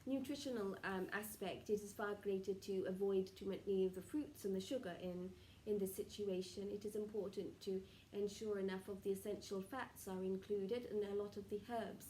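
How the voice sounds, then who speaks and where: Through a woman acting as a trance medium, a solemn, benevolent collective of spirit guides speaks in a soft, mellow, mid-range voice that stays steady and close to everyday speech. Its seance-style counsel is solemn and insistent, delivered in formal, halting phrases with murmured pauses. The mic sits at a distance in an echoey room with faint noise.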